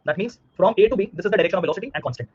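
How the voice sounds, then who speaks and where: Indian guy teaching a live class online, husky voice, repeats stuff and asks questions, bit muffled audio. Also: high-pitched, lively intonation, racing, darkish tone. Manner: repeats himself, checks understanding with questions.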